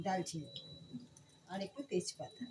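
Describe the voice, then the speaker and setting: A woman's low-leaning voice, a little slow, comes through over background noise as she cooks in her home kitchen. The vlogger keeps up a chatty, friendly conversation with her viewers.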